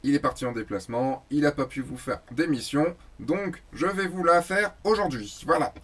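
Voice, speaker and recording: A man voicing a clueless talking plush toy dog, in a slow, hesitant, raised put-on voice. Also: fairly high pitch, slightly rough. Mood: feigned innocence. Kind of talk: comic skit.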